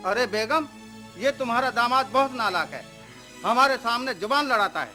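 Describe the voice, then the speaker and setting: A man's voice: very high voice, expressive, normal speed, pushed and bright, faint music behind, heavily acted. A man playing a stern, fussy father-in-law who scolds and insists on manners, in a comedy film.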